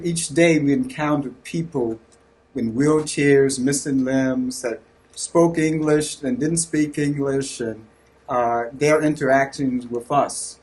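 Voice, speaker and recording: A husky-voiced man in his sixties with a Southern US drawl speaks slowly and earnestly. He shares reflections with a small group and pauses often to find the right words. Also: mid-range voice. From North Carolina, USA. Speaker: Redemptorist priest sharing reflections.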